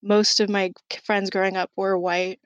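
A woman's voice: mid-range voice, level tone, moderate pace, clean tone, dry recording, highs cut off. Chatty woman guest, dry sound. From Southern California. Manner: chatty, many ums and likes, laughs between words. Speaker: podcast guest. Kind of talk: casual chat.

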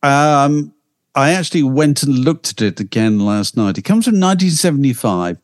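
Male podcast co-host, animated pitch, chatty storyteller. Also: normal speed. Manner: lively, chatty storytelling with restarts. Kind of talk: casual chat.

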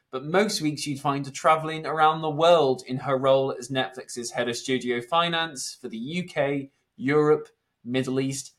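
A man's voice: a little high, a bit bright. A man hosting a podcast, reading prepared introductions and putting interview questions to a guest. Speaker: podcast host.

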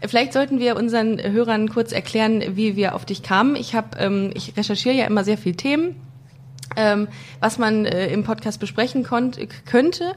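A female podcast host with a fairly high voice chats at a normal pace in a casual interview. She's jokey and talkative, scattering fillers and restarts throughout.

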